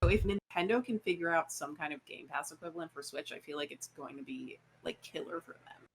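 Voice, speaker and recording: A woman's voice: sits low, lively intonation, breathy edge, rough recording. A woman chatting casually on an online call, her voice choppy with word endings cut off by a noise gate. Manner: quick, loose talk full of fillers. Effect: choppy voice with endings cut off by an aggressive noise gate. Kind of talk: casual gaming chat. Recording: online call audio with faint background noise.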